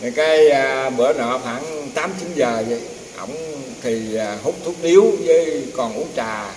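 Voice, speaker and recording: An older man, a temple herbal healer, casually telling rambling, folksy stories and acting out the dialogue of others. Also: medium pitch. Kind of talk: casual storytelling. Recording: echoey, distant, roomy with faint noise.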